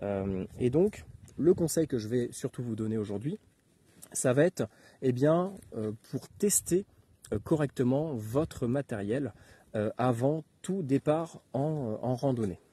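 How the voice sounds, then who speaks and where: A man explains things in an informal tutorial. His voice is mellow and somewhat raspy at an average pitch. He speaks haltingly, often pausing on fillers as he works through his instructions. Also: expressive. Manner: halting, hesitant, with many filler words and pauses. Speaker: instructor giving outdoor radio advice.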